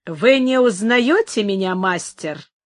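A woman's voice: medium pitch, expressive, slow pace, dry recording, studio quality. A woman voicing a huge, secretive man who speaks firmly and insistently, in a story reading. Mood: pleading.

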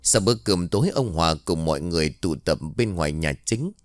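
A man narrating a somber story in an expressive storytelling voice. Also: low voice, brisk, dry recording, clean studio sound.

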